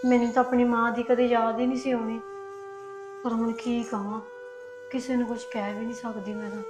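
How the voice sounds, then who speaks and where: A put-upon young wife who misses her parents, played by a woman, talks in a high, soft and resigned voice in a short film drama. The room rings with a noticeable echo, and faint music runs under her. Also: little pitch movement, fairly quick, close to an everyday voice. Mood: sad, resigned. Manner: soft, resigned, holding back tears. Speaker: daughter-in-law. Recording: roomy echo.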